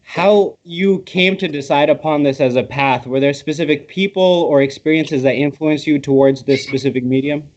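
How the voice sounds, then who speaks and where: A man's voice: a little high, moderate pace, hardly any pauses, darkish tone, dull audio. A man hosting a livestream interview, asking earnest, thoughtful questions. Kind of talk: conversational interview.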